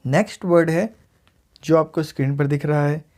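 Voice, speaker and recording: A man with an Indian English accent, a teacher, gives a casual video lesson in pronunciation and says each word slowly and clearly more than once. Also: a little high, fairly even intonation, mellow. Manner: repeats words slowly and clearly for learners.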